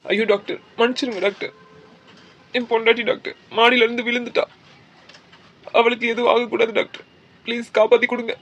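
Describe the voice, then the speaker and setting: A man's voice: extremely high pitch, flat delivery, fairly quick, pauses often, fairly bright tone, lo-fi sound, full character voice. A man voicing a grieving young husband in a cartoon, speaking in an emotional, pleading way. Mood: distraught. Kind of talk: cartoon dubbing.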